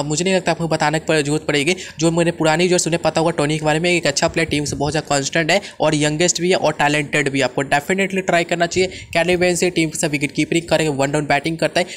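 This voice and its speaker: Fast-talking young man with hurried delivery. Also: fairly high pitch, a bit bright, slight background noise. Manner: rapid, confident, addresses viewers as friends. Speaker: fantasy cricket prediction host. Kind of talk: fast casual commentary to viewers.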